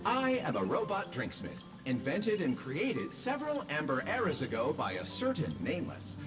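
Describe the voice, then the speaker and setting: A man's voice: fairly high pitch, wildly swooping pitch, moderate pace, music in the background. An actor voicing a courteous male robot drinksmith in a video game, formal and fond of corny jokes. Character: polite male robot drinksmith serving on a train.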